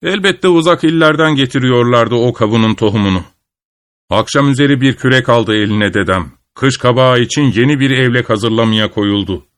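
A man's voice: mid-range voice, a little fast, fairly bright tone, dry recording, studio quality. Man reading a folk tale. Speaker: storyteller.

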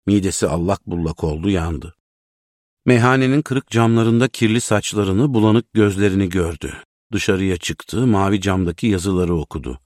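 A man reading a short story aloud in a measured, unhurried way. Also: deep voice, darkish tone, no room sound, clean studio sound. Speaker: narrator.

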